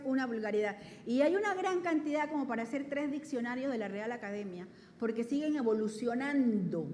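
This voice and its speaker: A woman with a Panamanian accent preaches in a conversational, storytelling way, often turning rhetorical questions toward the congregation. Her voice sits high. Her words ring with the long reverb of a church hall, over faint background noise. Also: a little mellow. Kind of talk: conversational sermon. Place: church sanctuary.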